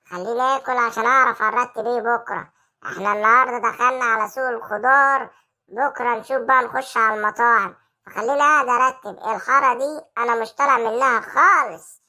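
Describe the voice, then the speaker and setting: A woman's voice: fairly high pitch, quick pace, sharp tone. A woman with an Egyptian accent voicing a stingy, filthy male gang boss who eats greedily and brushes everyone off in a cartoon comedy. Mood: smug. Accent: Egyptian Arabic. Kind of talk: comic cartoon voice acting.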